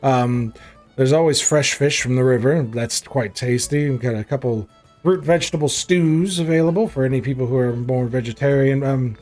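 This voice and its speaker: A man's voice: medium pitch, normal speed, a little mellow, soft background music, natural voice. A man voicing a large female orc tavern keeper, folksy, chatty and hospitable, in a tabletop game. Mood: welcoming, chatty. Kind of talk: tabletop role-play character voice.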